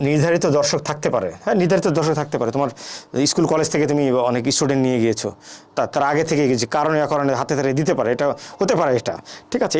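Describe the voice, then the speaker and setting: A man with a fairly high voice, speaking, gives a debate lesson. He keeps asking his students a question and then answers it himself. His talk is full of "thik ache" and "ah" fillers. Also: a little mellow. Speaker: debate teacher. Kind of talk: classroom lecture.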